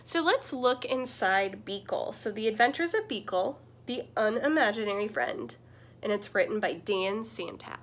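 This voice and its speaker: Speaking at normal speed, a young woman reads from a children's picture book in a teacher's voice. She's soft and expressive, her pitch and volume rising and falling a lot.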